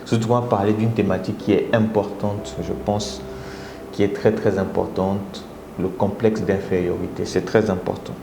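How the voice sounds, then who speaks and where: With a Congolese French accent, a Congolese man hosts a live motivational talk, animatedly coaxing his viewers and frequently rising into high exclamations. His voice is creaky and moderately paced, in an echoey room with audible background noise.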